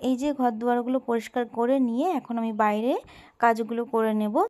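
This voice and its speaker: Homemaker in her thirties, unhurried voice-over, soft and hesitant, many "ah"s. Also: a little high, little pitch movement. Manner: slow, soft-spoken, with many fillers. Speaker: homemaker vlogger. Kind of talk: voice-over narration of daily chores.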